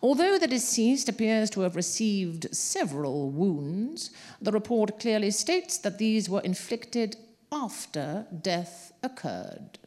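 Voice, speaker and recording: A woman voicing a reedy-voiced male coroner who reads a post-mortem report slowly and formally. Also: mid-range voice, very animated, a little mellow, voice pushed up.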